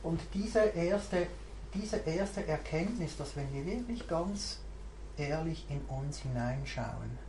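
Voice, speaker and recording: Speaking to a group, a mindfulness teacher thinks aloud through a reflective, searching talk. Her mellow voice sits low, and the roomy recording carries a faint hiss.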